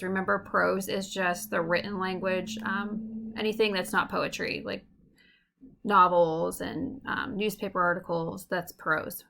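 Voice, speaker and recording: A woman teacher giving a recorded lesson, explaining clearly and slowing down to tap out rhythms. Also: mid-range voice, a bit bright.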